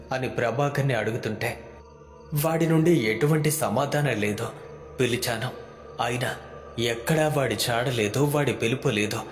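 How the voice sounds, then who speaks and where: A man narrating a scripted horror story in the first person, with a tense, suspenseful delivery. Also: mid-range voice. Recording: echoey hall with background music.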